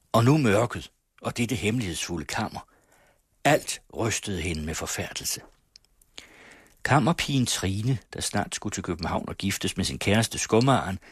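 Man, audiobook narrator, low voice, husky, measured reading, dry close sound. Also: no echo. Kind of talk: scripted narration of a classic story.

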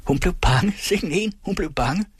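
A man's voice: breathy edge, no echo. A man voicing a frantic, deranged woman patient in an audiobook, shrieking and hissing. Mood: taunting. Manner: shrieking, hissing, wildly pitched. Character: frantic mad woman patient, raging and pleading. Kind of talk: audiobook reading.

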